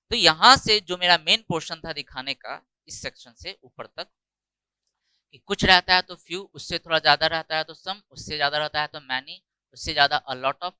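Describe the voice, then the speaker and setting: A man with an Indian accent teaching an English grammar lesson, explaining step by step and repeating words slowly for emphasis. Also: a little high, sharp tone, clear, resonant tone, no echo, rough recording. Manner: explains step by step, voices student doubts himself. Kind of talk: classroom lecture.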